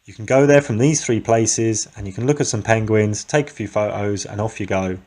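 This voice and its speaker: A man's voice: fairly low pitch, fairly even intonation, a little fast, a little mellow. A man telling a story in a blunt, chatty way. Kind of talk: casual storytelling.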